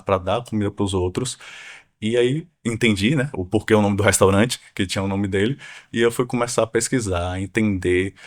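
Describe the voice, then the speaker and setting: A man from Salvador, Brazil, a guest researcher telling his story in a casual podcast conversation and acting out quoted thoughts. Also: on the low side. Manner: animated storytelling with acted-out quotes.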